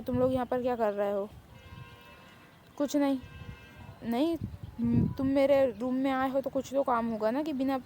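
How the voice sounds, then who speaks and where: A woman's voice: fairly high pitch, dark tone, lightly acted. A woman voicing a stern, grumpy young man who scolds and speaks curtly. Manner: curt, scolding.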